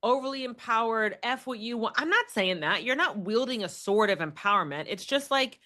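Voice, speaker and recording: Young woman on a podcast, animated, does little voices when she quotes people, trips over her words sometimes. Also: a little high, a little fast. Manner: animated, acts out quoted speech, frequent restarts. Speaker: podcast guest. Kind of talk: casual podcast chat.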